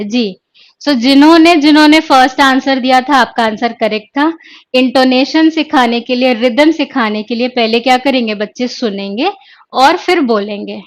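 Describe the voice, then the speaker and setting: A woman teaching an exam-prep lesson online, explaining step by step and mixing English terms into her talk. She keeps asking questions and answering them herself. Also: high-pitched.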